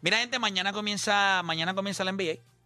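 A man hosts a sports radio show, lively and quick to take calls. His voice sits high and rings very bright. The studio mic is dry, with faint music underneath. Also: dry recording. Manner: animated, takes listener calls.

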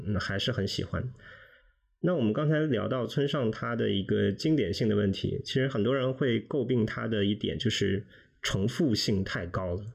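Low gravelly guy on a book podcast, kinda husky, thoughtful and measured. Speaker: podcast guest, reader. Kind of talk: casual discussion.

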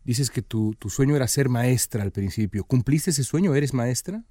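A man hosting an interview, asking reflective questions in a measured way. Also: mid-range voice, mellow, dry recording, studio quality. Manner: measured, reflective, stumbling on restarts.

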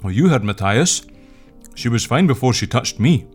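A man's voice: medium pitch, animated, moderate pace, breathy edge, soft background music. A man playing a sheepish, uneasy young man, hesitant and wry, in an audio drama. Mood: anxious, guilty. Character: sheepish, uneasy, self-doubting young man under house arrest.

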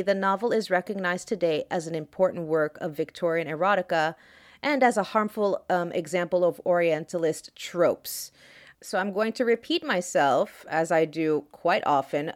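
A woman hosting a podcast in a casual, playful way, introducing readings, with a congested nose from allergies and breathing through her mouth. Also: lowish voice. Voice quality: congested, stuffy-nosed. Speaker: podcast host and reader.

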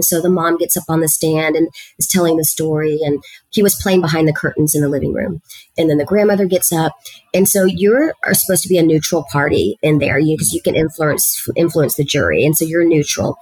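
A middle-aged woman with a low-pitched, slightly breathy voice tells her career story on an interview podcast, where she's a guest; she's a student housing executive from South Texas. Her storytelling is earnest and chatty, full of fillers, and the poor-quality audio has no echo.

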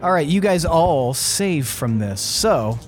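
Acting as game master for a tabletop role-playing game, a man narrates scenes in deliberate, suspenseful short phrases. His voice is a little high and sing-song, and music plays underneath.

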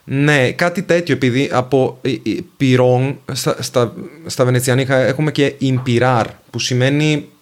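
Venetian Italian-accented man, linguist guest, mid-pitched, unhurried, pauses to pick his words. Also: steady tone. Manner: slow, thoughtful, pauses to find words. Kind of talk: casual conversation.

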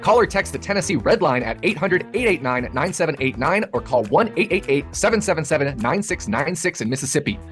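Male, slightly high voice, fast legal disclaimer read, scripted fine print, music behind. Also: big pitch swings, fairly bright tone.

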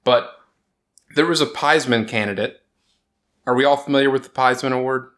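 A man hosting a casual sports chat, joking, sarcastic and quick to laugh as he runs through scores. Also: mid-range voice, fairly bright tone. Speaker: podcast host.

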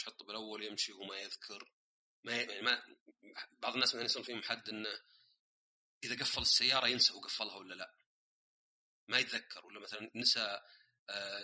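A man's voice: fairly low pitch, pushed and bright, husky, low-quality recording. A man hosting a casual solo podcast, explaining ideas through everyday examples and dropping English words into his speech. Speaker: podcast host.

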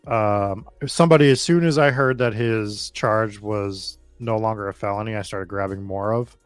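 Soft background music sits under a dry recording of a smooth, lowish male voice at normal speed. A Boston-area American, he hosts a fantasy football draft stream, talking informally and swearing freely during the casual live commentary.

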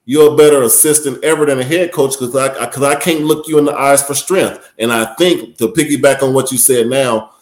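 A man who once played pro basketball tells stories in a loose, profane, animated way and laughs often. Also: medium pitch, a little fast, few pauses. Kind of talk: casual storytelling. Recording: roomy echo.

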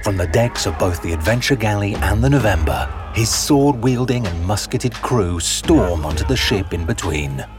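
Deep-voiced man narrating a documentary. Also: expressive, music in the background. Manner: dramatic, measured storytelling.

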